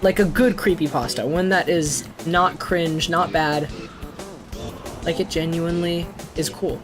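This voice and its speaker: A man chatting casually on a live stream, excitable and jokey, laughing often. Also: fairly high pitch, measured pace, over music. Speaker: streamer reading creepypastas.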